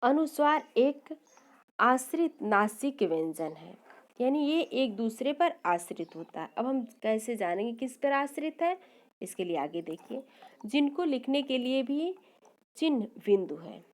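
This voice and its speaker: A woman leads a grammar lesson in an unhurried, measured way, breaking words into their sounds one at a time. Her voice sits a little high, and she stops to correct herself when she misspeaks. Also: sing-song. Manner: explains step by step, sounding out letters; corrects herself mid-sentence. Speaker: Hindi grammar teacher. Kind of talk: slide-based grammar lesson.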